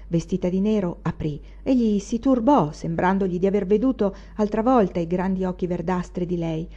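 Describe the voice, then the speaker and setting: Brief: a woman narrating a classic novel, expressive, mellow tone, dull recording. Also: lowish voice. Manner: measured, expressive reading. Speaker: audiobook reader. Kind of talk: literary audiobook narration.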